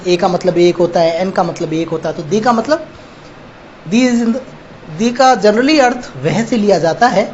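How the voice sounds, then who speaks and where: Male teacher, slow dictation. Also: sits high, a little mellow. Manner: dictates slowly, repeating example words one by one. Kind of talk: classroom grammar lesson. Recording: dull lo-fi recording, faint noise.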